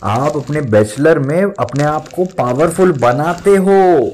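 A man's voice: fairly high pitch, slow, darkish tone, slight background noise. A young man in his twenties preaching an emphatic sermon as a pastor, mixing in English words and repeating lines for stress.

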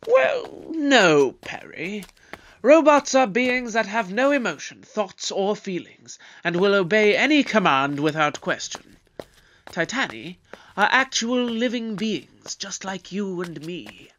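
Guy playing the doctor, smug ancient time traveller, slow and sing-songy, loud music under it. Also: high voice, sing-song, exaggerated voice, low-quality recording. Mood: breezy. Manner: airy, condescending, lecturing.

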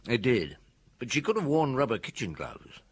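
An actor playing a seasoned, shrewd police inspector in a radio drama, speaking in a deliberate, thoughtful manner. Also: male voice, mid-range voice, very animated, slightly rough. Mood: reflective. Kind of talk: radio drama acting, dialogue and recollection.

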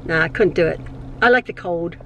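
This middle-aged mother and vlogger rambles to her phone camera, held at arm's length in a parked car, restarting often and laughing as she chats. Her voice is lowish and brisk, in lo-fi sound with some hiss or hum.

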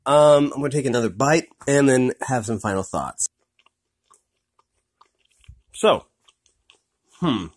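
Filming from behind his phone, a man reviews a snack in a casual food vlog, animated yet slow, with long pauses, many ums and restarts. His pitch is ordinary and middling, and the unscripted, easygoing product reviewer keeps repeating that it's "really, really good."

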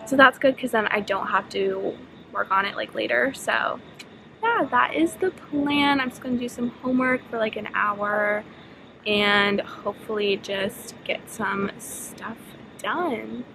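A woman's voice: on the high side, measured pace, gravelly, noisy background. A young woman and college student vlogging her day in casual, upbeat chat, full of "like" fillers, filmed on a handheld camera in her dorm and around campus. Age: young adult. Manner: chatty and upbeat, with frequent "like" fillers. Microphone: handheld camera held close.

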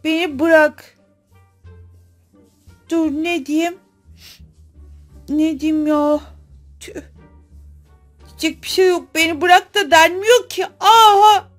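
A woman with a very high, piping voice gives playful game commentary straight to her viewers. She is theatrical and exclamatory, slipping into mock sobs, and she takes her words slowly and draws them out. Faint music plays underneath. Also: steady tone. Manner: dramatic, exclaiming, mock sobbing. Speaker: gaming channel host.

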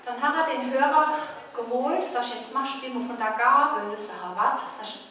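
A woman's voice: fairly high pitch, fairly quick, noisy background. A woman with a Saarland German accent telling a chatty carnival comedy monologue, acting out dialogue on a stage. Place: large carnival hall with audience. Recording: distant, echoey hall with crowd.

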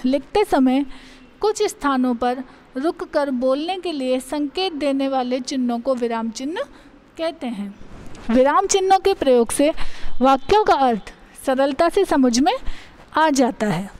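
High-voiced woman teaching a lesson. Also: expressive, darkish tone. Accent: Indian. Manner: slow, explanatory, reads out examples. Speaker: school teacher. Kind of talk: Hindi grammar lesson.

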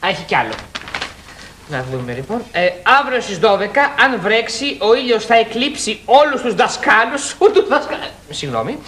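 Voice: mid-range voice, very animated, a bit bright, a little hiss or hum. A performer playing a polite, bewildered male children's journalist in a 1980s children's TV show. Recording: roomy old TV recording with faint music.

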